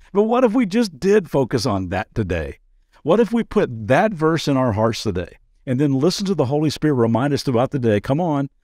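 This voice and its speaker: A man's voice: medium pitch, a little mellow, no room sound. Pastor guy doing a daily devo podcast, talks earnest and casual, cracks little jokes, dead dry room. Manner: conversational and earnest, with quick asides and playful jokes. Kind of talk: daily devotional podcast teaching.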